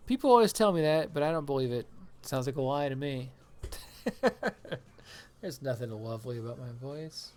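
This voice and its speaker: A woman's voice: extremely low pitch, animated, normal speed, pauses often, darkish tone. A woman live streamer chatting casually while gaming, rambling and self-deprecating and laughing often.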